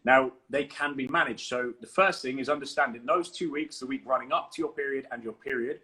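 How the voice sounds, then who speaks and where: A man's voice: mid-range voice, brisk, pushed and bright, low-quality recording. A man co-hosting a podcast, explaining nutrition in a confident, emphatic coaching manner. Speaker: fitness coach and podcast co-host.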